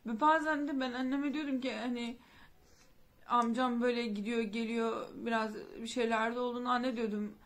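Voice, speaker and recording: Woman vlogging a sad family story, kinda high voice, rambly and grieving. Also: fairly even intonation, normal speed. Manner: grieving, rambling with restarts and fillers. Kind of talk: emotional personal storytelling.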